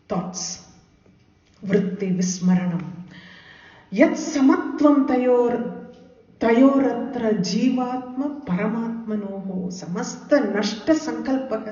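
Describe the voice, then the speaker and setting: A woman's voice: fairly high pitch, mellow, distant mic. A woman giving a devotional scripture lecture who chants Sanskrit verses and then explains them, often repeating phrases. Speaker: spiritual teacher. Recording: roomy hall recorded from afar, dull lo-fi.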